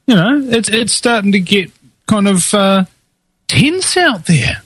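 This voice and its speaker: A man's voice: sits high, big pitch swings, slow pace, a bit bright, breathy edge, dry recording. A man with a broad New Zealand accent talking casually and opinionatedly, with a sarcastic way of acting out imagined dialogue.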